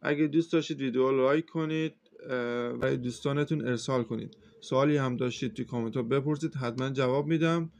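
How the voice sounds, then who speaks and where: In this casual phone tutorial, a computer instructor with a medium-pitched voice and vocal fry goes through each step. He talks in a relaxed, halting manner, with filler sounds scattered throughout. The audio comes across as slightly dull and lo-fi.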